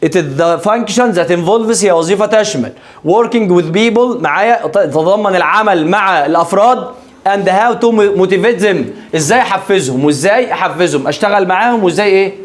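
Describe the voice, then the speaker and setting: A man's voice: sits high, moderate pace. A man with an Egyptian accent teaching a class, joking with students and often checking they keep up. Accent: Egyptian Arabic. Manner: lively, joking, keeps checking if students follow. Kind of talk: classroom lecture.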